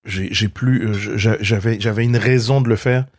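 A middle-aged man with a Québécois accent chats casually as an interview guest, spinning anecdotes and slipping into the voices of the people he quotes. His voice sits on the low side and he often restarts and repeats words mid-sentence. The recording is close and dry. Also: steady tone, moderate pace, no room sound. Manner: storytelling, acts out quoted dialogue. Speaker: guest, comedian.

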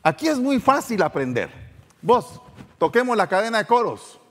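Bossy, coaxing youth leader, voiced by a man, lively voice, long reverb. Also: high-pitched, normal speed, pitched above the performer's own voice, full character voice. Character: pushy male church youth leader.

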